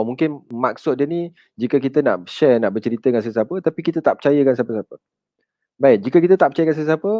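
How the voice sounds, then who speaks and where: A man's voice: mid-range voice, dry recording, lo-fi sound. Conversational Malaysian Malay man counseling. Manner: conversational, addresses listeners as children, mixes in English words. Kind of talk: motivational talk with audience questions.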